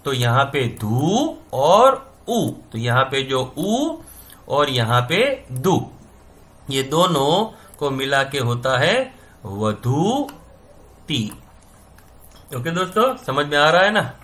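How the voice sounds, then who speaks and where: A man teaching Sanskrit grammar in Hindi, saying each sound slowly, repeating it, and checking that his students follow. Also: mid-range voice, very animated, a bit bright. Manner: repeats sounds slowly, checks understanding with "समझ में आ रहा है ना?". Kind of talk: classroom-style explanation.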